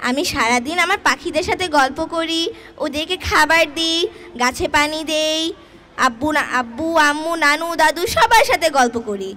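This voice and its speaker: A woman's voice: high voice, lively intonation, normal speed, sharp tone. A woman voicing a well-behaved, sensible child puppet who earnestly explains and gives advice in a children's show. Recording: very noisy puppet show recording.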